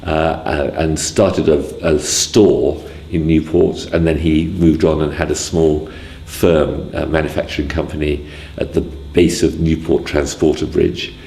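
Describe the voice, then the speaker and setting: Very deep gravelly man in his sixties. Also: little pitch movement, unhurried, few pauses, warm tone, reverberant. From Wales. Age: 60s. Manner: hesitant, full of ums and restarts. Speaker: interviewee. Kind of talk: casual spoken memoir.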